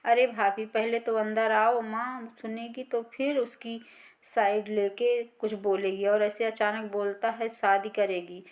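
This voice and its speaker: A woman voicing a spirited, teasing young woman about to marry, talking quickly and indignantly in a read-aloud Hindi story. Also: on the high side, level tone, close to an everyday voice. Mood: complaining.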